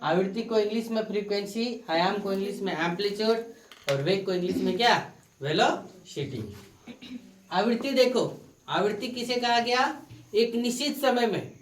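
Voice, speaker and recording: A woman's voice: medium pitch, normal speed, a little hiss or hum. A woman teaching a science class, repeating key points and asking the class questions for them to answer. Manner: repetitive questioning, prompts students to answer. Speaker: science tutor. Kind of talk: classroom lecture with call-and-response questions. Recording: echoey room, far from the mic.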